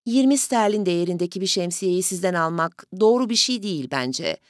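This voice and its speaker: A woman's voice: lowish voice, expressive, a little fast, no room sound, studio quality, natural voice. A woman doing a curt, suspicious mother. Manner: curt, cold and clipped. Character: suspicious, sharp-tongued middle-aged mother.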